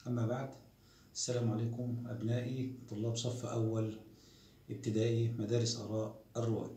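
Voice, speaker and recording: A man, teaching the alphabet to first graders in a slow, repetitive drilling style. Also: medium pitch, level tone, mellow, slight background noise. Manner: slow, drawn-out syllables and repeated drills. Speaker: primary school teacher. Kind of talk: recorded classroom lesson for young children. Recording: echoey room, voice off-mic.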